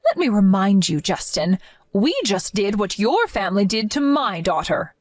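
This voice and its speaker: A woman voicing a middle-aged mother who calmly and pointedly questions her son-in-law in a dramatized chat story. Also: medium pitch, normal speed, no echo, close to an everyday voice.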